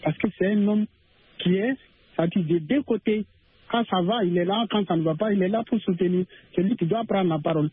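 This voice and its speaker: A man's voice: high voice, fairly quick, husky. A man with a Senegalese French accent calling in to a radio show over a phone line, earnest and repeating words when stuck.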